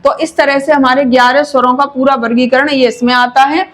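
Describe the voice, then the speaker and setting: A woman with a high voice gives a Hindi grammar lesson for exam students. She explains step by step in a patient teacher's manner and stretches out sounds to demonstrate pronunciation. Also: fairly even intonation, a little fast, fairly bright tone. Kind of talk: classroom-style grammar lesson.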